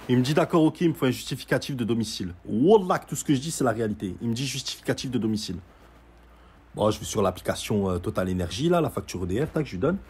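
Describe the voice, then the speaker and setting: A young man telling a story in a casual, sarcastic rant, mocking and animated as he recounts events. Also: mid-range voice, breathy edge.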